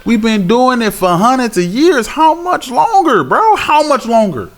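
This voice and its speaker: A man teaching the Bible, reading scripture slowly and then breaking into blunt, scolding, slangy exhortation. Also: very high voice, sing-song. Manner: slow measured reading, then fired-up exhortation. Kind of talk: scripture reading with preaching commentary.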